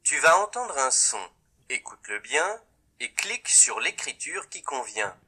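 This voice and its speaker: A man narrates a children's reading app with slow, carefully articulated instructions. His tone is very bright and his pitch swings widely. He dictates single words one at a time for a child to spell. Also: very animated, husky.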